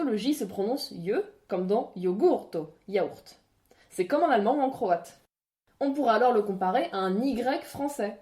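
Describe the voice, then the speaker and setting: A woman presenting a language lesson in scripted narration, clear and didactic, saying out examples slowly. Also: mid-range voice, mellow.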